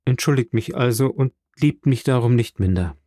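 A man voicing a grieving, kindly middle-aged shipowner in an audiobook, with an earnest, warm delivery. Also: mid-range voice, moderate pace, no room sound, clean studio sound, lightly acted. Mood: sorrowful, kind.

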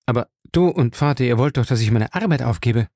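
A man voicing a defensive, hasty young man who answers briskly. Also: medium pitch, animated, dark tone, no room sound, clean studio sound.

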